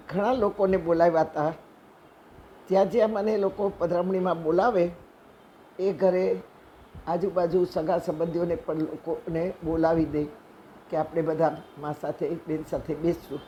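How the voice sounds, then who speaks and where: A woman religious storyteller giving a devotional discourse, telling an anecdote in a conversational, gently moralizing way and acting out the quotes. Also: lowish voice, dull audio, a little hiss or hum.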